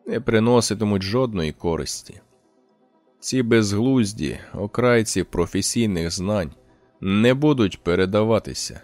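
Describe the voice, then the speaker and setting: A man narrating an audiobook in a steady, measured reading voice with deliberate pauses. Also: fairly low pitch, dry recording. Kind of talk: scripted narration.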